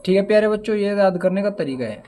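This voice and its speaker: A man's voice: high voice, lively intonation, fast, warm tone. A young man teaching a casual chemistry lesson, chatty and fond of calling his students dear children, stumbling and apologizing over hard element names. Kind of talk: casual classroom lesson with mnemonics.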